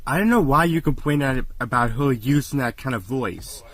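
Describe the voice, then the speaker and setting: A speaker giving a hurried, rambling, defensive commentary rebuttal. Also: mid-range voice, animated, fairly bright tone, breathy edge.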